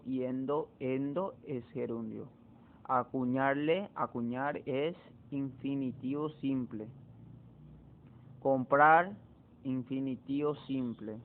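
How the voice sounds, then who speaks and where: Slow-talking teacher on tinny audio. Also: male voice, medium pitch. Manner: slow, repetitive explaining, repeats key words. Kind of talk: exam walkthrough lesson.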